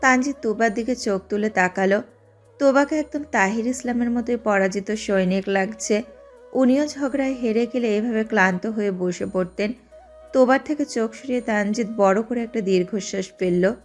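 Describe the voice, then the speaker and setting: A woman giving steady, scripted narration of an audio drama. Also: fairly high pitch, normal speed, faint music behind. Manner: steady storytelling.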